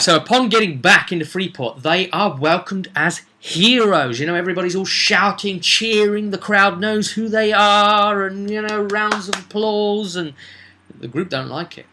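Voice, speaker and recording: Recapping his tabletop roleplaying campaign for a casual storytelling vlog, a game master speaks in a slightly high, pushed, bright voice. He leans on theatrical emphasis and wanders into rambling asides.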